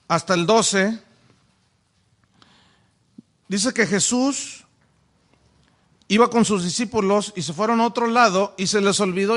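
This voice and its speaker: A man's voice: high-pitched, fairly bright tone. A man, a preacher giving sermon-style Bible teaching and asking the audience many rhetorical questions.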